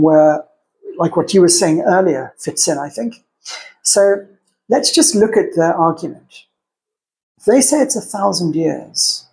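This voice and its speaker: A co-host chatting casually about theology on a podcast, voice sitting at an everyday middle pitch. The delivery wanders and thinks aloud, often stepping into the voices of opposing arguments. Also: creaky, darkish tone, rough recording.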